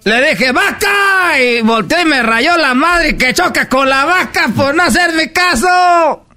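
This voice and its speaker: A man plays a brash, proud old rancher in a Mexican radio comedy bit, who barks his rambling jokes in a very high, bright, sharp voice. He talks brusquely and loves to shout. Light music runs behind him. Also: unhurried, full character voice. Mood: blunt. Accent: Mexican Spanish.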